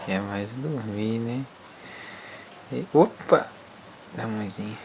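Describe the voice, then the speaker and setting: A man talking baby talk to his infant daughter, cooing softly and sometimes whispering. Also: on the low side, takes it slowly, background noise.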